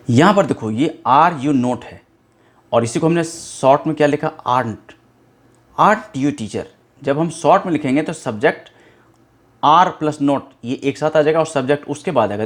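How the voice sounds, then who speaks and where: A man with a Hindi accent teaching a spoken English lesson, slowly explaining grammar and repeating each word. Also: a little high.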